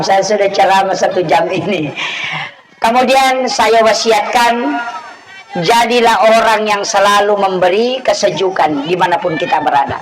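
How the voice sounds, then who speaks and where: Joking Bugis preacher. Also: male voice, high-pitched, poor audio. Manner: joking, teasing the audience, acts out scolding parents. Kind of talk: humorous religious sermon. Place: evening religious gathering.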